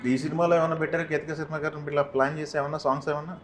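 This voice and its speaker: A man's voice: on the high side, little pitch movement, rapid-fire, slight background noise. A male journalist interviewing an actor, mostly giving brief prompts and short acknowledgements. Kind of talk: interview questions.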